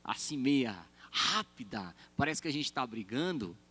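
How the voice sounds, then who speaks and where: A man voicing an older woman market vendor who calls out loud, insistent sales pitches and then turns friendly. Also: big pitch swings, measured pace, slightly rough, heavily acted.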